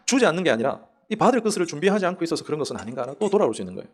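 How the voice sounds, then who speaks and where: A man's voice: on the high side, very animated, very fast. A male pastor preaching a Sunday sermon in a conversational way, asking the congregation questions and acting out the voices in his stories. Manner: acts out quoted prayers and voices in the stories. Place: church sanctuary.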